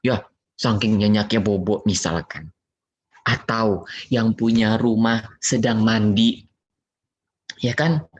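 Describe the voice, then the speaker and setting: A man's voice: lowish voice, slow, pauses often, slight background noise. A man telling a playful story lesson to children, acting out knocks and sounds with little chuckles. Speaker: children's religious teacher. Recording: dull lo-fi recording.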